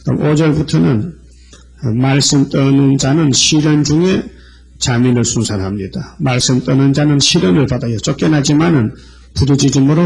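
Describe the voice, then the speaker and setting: A man's voice: mid-range voice, vocal fry, darkish tone, husky. A man preaching a sermon, reading scripture verses aloud and explaining them one by one. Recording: old lo-fi church sermon tape.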